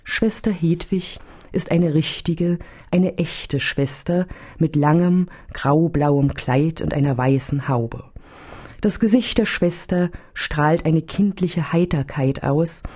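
A woman narrates a story in a calm, steady reading voice. Her tone is low and dark, with a husky, breathy grain. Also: takes it slowly.

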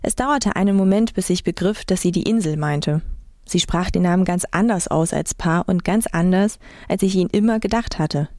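A woman reading a first-person novel aloud with even, wry storytelling. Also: fairly low pitch, moderate pace, no echo, studio quality. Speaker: audiobook reader.

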